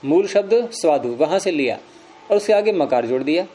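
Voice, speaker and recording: A man's voice: fairly high pitch, expressive, normal speed, dark tone. A man teaching a grammar lesson, explaining each step patiently and asking questions that he answers himself.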